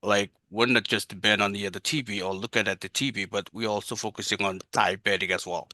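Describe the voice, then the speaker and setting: A man working as a public health outreach worker, answering on a webinar panel in a halting way with many restarts. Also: fairly low pitch, fairly even intonation, pushed and bright, no room sound.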